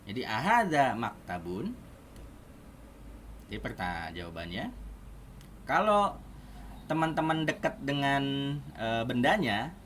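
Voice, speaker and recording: Teaching Arabic online, this man keeps things casual and conversational and often quizzes his students. There's slight noise behind his medium-pitched, somewhat bright voice.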